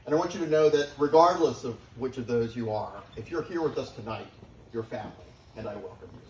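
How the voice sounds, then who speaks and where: A middle-aged man giving a father of the bride wedding speech, sincere and affectionate, with deliberate pauses for the guests. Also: medium pitch, darkish tone, highs cut off. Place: large room at a wedding reception, guests present. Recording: echoey, noisy room, distant microphone.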